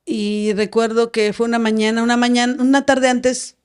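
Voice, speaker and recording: Woman, 40s, interview guest; measured personal storytelling with frequent restarts. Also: fairly high pitch, steady tone, a little mellow, clean tone. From Veracruz, Mexico. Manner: measured, recounts with many restarts and reported speech. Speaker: guest, nurse.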